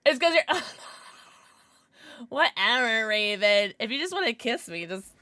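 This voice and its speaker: A woman livestreamer chatting casually with her viewers in a playful, giggly, excitable manner. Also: a little high, measured pace, dry recording, clean studio sound. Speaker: live streamer, host.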